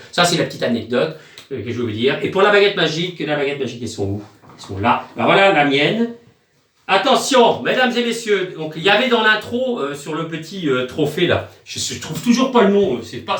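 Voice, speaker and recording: A man's voice: a little high, fairly bright tone, reverberant, recorded from a distance. A man chatting in a rambling, joking home video, with crude asides and chanted nonsense magic words. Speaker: video host.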